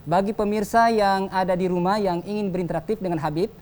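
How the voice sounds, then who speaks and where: An Indonesian host of a religious TV talk show who summarizes points and puts questions, often pausing with "eh" and politely affirming. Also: medium pitch, fairly even intonation, darkish tone, slight background noise. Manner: frequent hesitations with "eh", polite affirmations. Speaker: TV program host.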